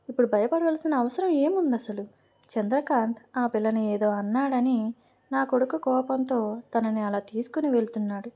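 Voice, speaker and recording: A woman reading a composed mother in a storybook drama, calming others with pointed questions. The voice runs a little high and soft. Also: natural voice. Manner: reassuring, questioning. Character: composed middle-aged mother, reassuring and sure.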